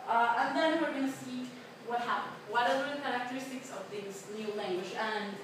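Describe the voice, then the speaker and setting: Speaking at a moderate pace in a voice on the high side, a student presenter in her twenties delivers a chatty class talk with many fillers and restarts. She is a native Spanish speaker from Colombia with a Colombian accent, and the audio comes from afar in a noisy, echoing room.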